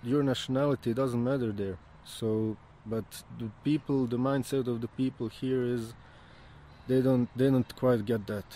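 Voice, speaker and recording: A man talks like a local guide, in a mellow, mid-pitched voice. He explains casually and somewhat haltingly, outdoors with faint street noise behind him. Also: steady tone.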